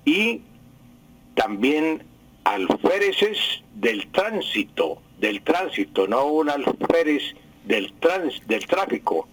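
Colombian guy on radio explaining grammar, husky, goes up and down a lot, dry studio. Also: a little high, very animated, takes it slowly, poor audio. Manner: didactic, repeats and stresses words. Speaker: language expert on a radio news show. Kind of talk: explaining word usage on air.

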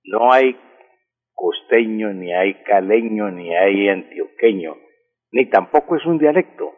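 A man explaining word usage on a radio language segment, patient and methodical, repeating key words slowly. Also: fairly low pitch, expressive. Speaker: language expert answering listeners. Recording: husky voice over a tinny phone line with long reverb.

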